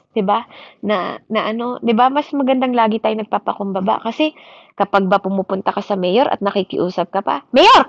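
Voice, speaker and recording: A woman's voice: mid-range voice, creaky, no room sound. A woman preacher delivering a sermon, switching between Tagalog and English and asking her listeners "di ba?" after nearly every point. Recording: dry, slightly dull recording.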